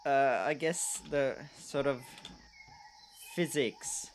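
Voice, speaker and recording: A man's voice: mid-range voice, very slow, a little hiss or hum. A man giving casual let's-play commentary, rambling and hesitant, often apologizing and losing his thread. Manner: rambling, hesitant, self-deprecating. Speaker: gaming video host.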